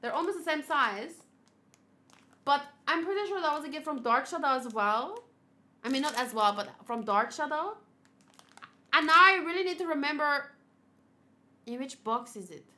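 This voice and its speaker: With lively intonation and frequent pauses at normal speed, a woman streamer of thirty talks in a high, bright, forceful voice. Host of a gaming channel, she gushes cutely and rambles during a casual livestream where she unboxes plush gifts.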